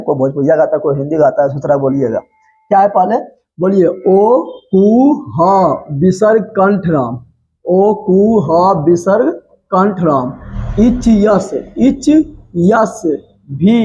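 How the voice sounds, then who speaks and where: A man's voice: high voice, darkish tone. Just a guy teaching grammar, chants the rhyme, asks the class questions again and again. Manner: repeats and quizzes students with questions. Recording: dull lo-fi recording.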